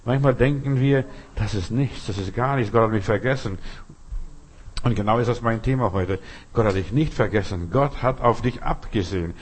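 A male pastor preaching a sermon. He repeats short emphatic phrases, speaks straight to his listeners, and slows right down on key lines. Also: medium pitch, husky.

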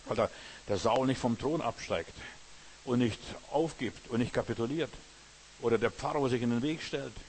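A man's voice: mid-range voice, normal speed, darkish tone, a little hiss or hum, poor audio. A man preaching a sermon with passion, quoting scripture by book and verse and speaking straight to his listeners. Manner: impassioned, quotes scripture with book and verse, addresses listeners directly.

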